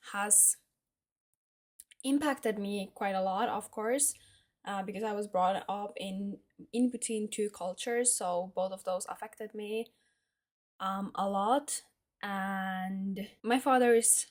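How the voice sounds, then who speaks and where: A young woman from Finland, talking casually to camera as a vlogger, hesitant and full of fillers as she searches for words. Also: mid-range voice. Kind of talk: casual personal monologue.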